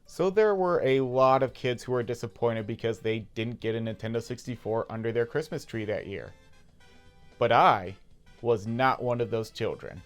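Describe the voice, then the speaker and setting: American man telling nostalgic stories, mid-pitched. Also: lively intonation, normal speed, faint music behind. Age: 30s. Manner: conversational, nostalgic. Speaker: video game YouTuber. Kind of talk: casual personal storytelling voice-over.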